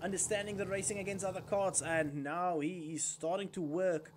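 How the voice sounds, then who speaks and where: A man's voice: high voice, fairly even intonation, moderate pace, background noise. A man giving live kart racing commentary as a motorsport commentator, following the action as it unfolds.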